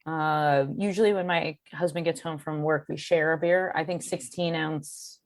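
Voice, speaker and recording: Low-voiced chatty woman. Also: fairly even intonation, dry recording, clean studio sound. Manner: chatty, self-deprecating, halting restarts. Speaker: guest, cartoonist and beer educator. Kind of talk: casual podcast chat.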